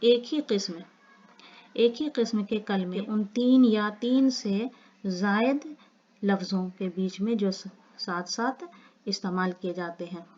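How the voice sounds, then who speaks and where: A woman teaching an online grammar lesson, explaining slowly with repeated examples and speaking to her students as children. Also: medium pitch, a little mellow, muffled recording.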